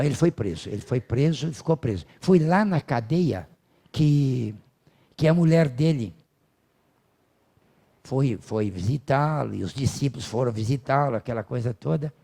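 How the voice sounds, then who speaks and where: A Brazilian-accented man giving a spiritist lecture in loose, chatty storytelling. His fairly high voice swings widely in pitch and carries a gravelly texture. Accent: Brazilian Portuguese. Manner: animated, colloquial storytelling with acted quotes.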